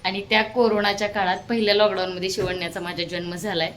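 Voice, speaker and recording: A woman's voice: mid-range voice, level tone, fast, fairly bright tone, slight background noise. A woman in her thirties from Maharashtra, chatting casually on a family vlog and coaxing a toddler with questions, recorded on a handheld phone. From Maharashtra, India. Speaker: family vlogger and mother.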